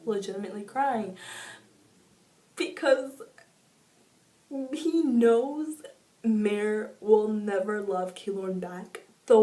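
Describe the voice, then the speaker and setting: A woman reviewing a book in a casual vlog, gushing and excitable, with sudden jumps in pitch. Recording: echoey room, mic at a distance.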